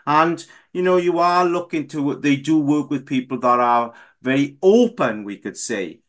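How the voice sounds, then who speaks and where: A man's voice: a little high, animated, unhurried. Chatty rambling male radio host. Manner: chatty, rambling with fillers and restarts. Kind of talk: casual radio chat.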